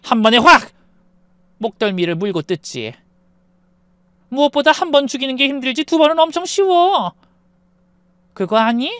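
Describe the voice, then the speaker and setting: A man voicing a calm, menacing middle-aged mother who talks slowly and softly in a Korean story narration. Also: high voice, no room sound, pitched above the performer's own voice. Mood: coldly menacing. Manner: slow, soft and chillingly calm.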